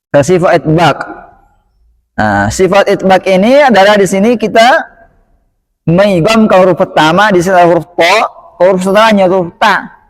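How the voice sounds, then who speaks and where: A man teaching Quran recitation rules, slowly modelling each word several times and asking the listeners quick questions. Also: high voice. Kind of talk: tajwid lesson.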